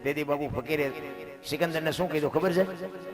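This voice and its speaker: A man telling folk moral stories at a devotional gathering. He jumps from loud exclaiming to low murmured asides. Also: normal speed, music in the background.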